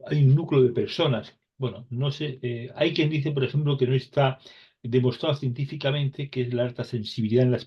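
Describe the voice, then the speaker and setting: Male interview host; husky, halting, searching phrasing; muffled lo-fi audio. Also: mid-range voice. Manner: hesitant, searching for words, many restarts. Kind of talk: interview questions. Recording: dull, lo-fi sound.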